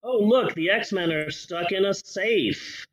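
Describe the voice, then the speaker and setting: A man's voice: high voice, slow pace. A man hosting a casual movie review chat, ranting and swearing freely. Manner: animated, profane, ranting. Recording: muffled lo-fi audio.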